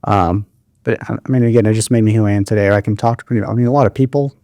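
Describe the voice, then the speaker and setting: A man's voice: lowish voice, steady tone, racing, mellow. A man in his forties who grew up in Kenya, a podcast guest telling his story in an upbeat, chatty way. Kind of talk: casual chat.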